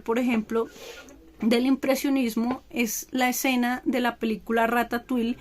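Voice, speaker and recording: A woman lectures a class in a fairly high voice. She explains step by step and keeps checking in with her listeners. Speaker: teacher.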